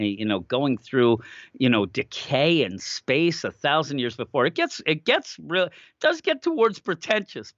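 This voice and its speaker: A man co-hosting a casual comic book review chat, animated and acting out character lines in quick voices. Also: fairly high pitch, no room sound, lo-fi sound. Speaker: comic book podcast co-host.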